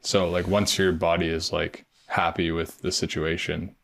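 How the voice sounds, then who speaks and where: A man hosting a casual conversation, relaxed and supportive in an easygoing way. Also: sits low, moderate pace, creaky.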